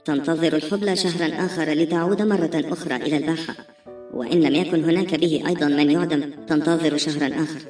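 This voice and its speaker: A woman's voice: low voice, steady tone, fast, darkish tone, reverberant, natural voice. A woman reading the part of a desperate pregnant young woman who pleads earnestly, heard from a distance with faint music. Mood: pleading.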